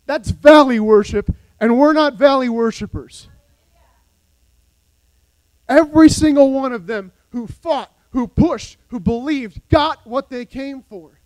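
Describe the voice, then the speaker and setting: High-voiced impassioned male preacher. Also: slow, no echo, low-quality recording. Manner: impassioned, wide swings between soft and shouted. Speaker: pastor. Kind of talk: sermon.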